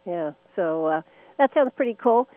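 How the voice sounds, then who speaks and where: A woman's voice: fairly low pitch, animated, normal speed, dry recording. A woman interviewing a radio host, friendly and admiring, who often restarts her sentences. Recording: phone-like narrow band.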